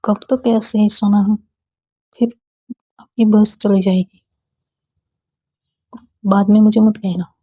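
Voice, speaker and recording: A woman voicing a caring young woman who gently scolds her partner in a storybook romance. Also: mid-range voice, level tone, takes it slowly, pauses often, slightly rough, no room sound. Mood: tender.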